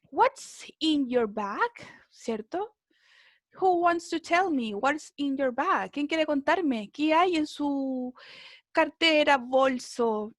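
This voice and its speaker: A woman's voice: high-pitched, dry recording, studio quality. A woman with a Chilean Spanish accent, teaching an English class online in a chatty way and often checking in with her students.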